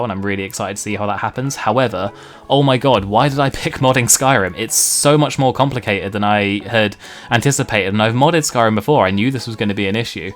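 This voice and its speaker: A man's voice: on the low side, a bit bright. A man with a slightly nasal English Home Counties accent, talking casually and self-deprecatingly in a streamer's vlog. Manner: self-deprecating, mildly sweary. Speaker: video game streamer.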